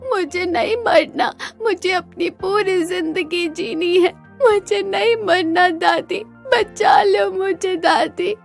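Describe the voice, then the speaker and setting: A woman's voice: very high voice, animated, slow, soft background music, pitched above the performer's own voice, exaggerated voice. A woman voicing a frightened young female goat in a cartoon, pleading and crying. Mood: pleading, tearful. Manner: pleading, tearful. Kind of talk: cartoon voice acting.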